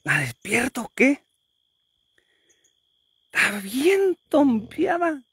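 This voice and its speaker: A woman's voice: sits high, wildly swooping pitch, extremely slow, fairly bright tone, husky, no echo, clean studio sound. A woman vlogger, teasing and swearing in casual chat.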